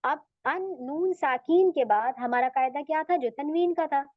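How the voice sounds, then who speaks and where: Woman, recitation teacher, patient and explanatory, slow repeats of Arabic words; muffled dry lo-fi audio. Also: high voice, no room sound. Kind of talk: online lesson. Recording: dull, dry, lo-fi recording.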